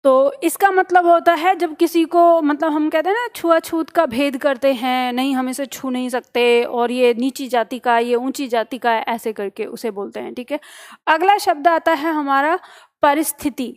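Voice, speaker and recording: High-voiced woman teaching spelling. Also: moderate pace. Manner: explains step by step, often checking with "ठीक है?"; asks questions and answers them herself. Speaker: Hindi teacher. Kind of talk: spelling lesson for exam students.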